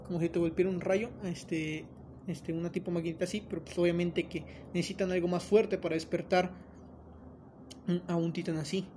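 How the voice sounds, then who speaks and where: A man's voice: high voice, a little fast, slight background noise. A man with a Mexican accent hosting a casual film recap, joking and telling it with lots of fillers. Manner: joking, animated storytelling with many fillers.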